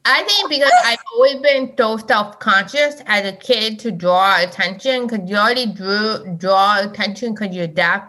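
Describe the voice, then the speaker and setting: A woman guest on a podcast talking casually, halting and restarting often with many fillers. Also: mid-range voice, pushed and bright. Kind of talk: casual chat.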